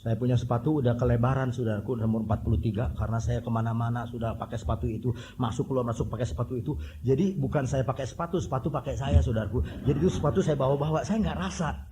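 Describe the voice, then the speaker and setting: A man preaching a sermon, animated and joking, with mimicked voices and whistle sounds. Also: medium pitch, fast talker, noisy background. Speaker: pastor.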